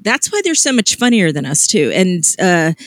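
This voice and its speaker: A woman's voice: on the low side, very animated, moderate pace, dry recording, clean studio sound. A woman hosting a casual film discussion, enthusiastic and laughing often.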